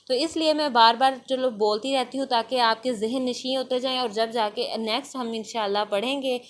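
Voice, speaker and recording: A woman teaching Quran pronunciation, who says each syllable slowly and repeats it several times while she patiently explains the rules. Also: a little high, fairly bright tone, a little hiss or hum. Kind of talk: slow tajweed lesson with drilled syllables.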